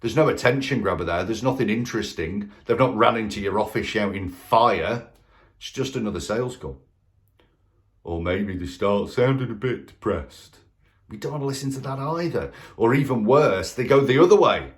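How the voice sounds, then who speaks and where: A man's voice: fairly low pitch, lively intonation, brisk. A man, a sales trainer, giving a punchy coaching talk straight to camera and asking the listener rhetorical questions.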